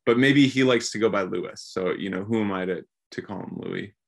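A man's voice: fairly low pitch, a little fast, creaky, noisy background. A man co-hosting a podcast in casual chat, joking and poking fun at himself. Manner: joking, self-mocking, acts out little quoted exchanges. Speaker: podcast co-host.

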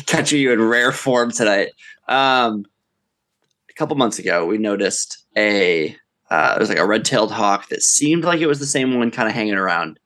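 A young man chats on his podcast in a low-pitched voice. He rambles through his stories, laughing often. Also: moderate pace, a bit bright. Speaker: podcast co-host. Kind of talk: casual chat.

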